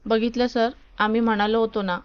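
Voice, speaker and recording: Complaining young college boys, voiced by a woman storyteller, pointing blame in a smooth, clear voice. The sound is a bit dull and lo-fi. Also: fairly high pitch, level tone, fairly quick, lightly acted. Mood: accusing. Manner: complaining, accusing. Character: two accusing male college students.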